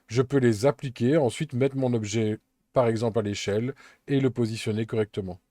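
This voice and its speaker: Calm man narrating a software tutorial. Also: mid-range voice, a little fast, no echo, clean studio sound. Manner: calm, methodical step-by-step explaining with occasional fillers. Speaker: Blender tutorial instructor.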